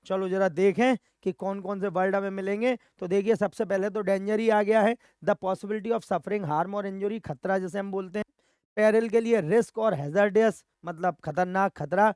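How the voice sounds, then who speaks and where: A man with an Indian accent runs a vocabulary lesson for exam students. He drills each word, repeats himself and answers his own questions. His voice sits high and sounds smooth and clear, recorded close in a dry room. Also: steady tone, normal speed, darkish tone, no echo. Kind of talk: Hindi-English vocabulary lesson.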